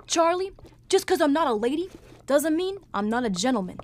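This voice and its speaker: Brash but gentlemanly male ladybug played by a woman, exaggerated cartoon intonation, children's storybook. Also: high voice, very animated, fairly quick, slight background noise. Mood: reassuring.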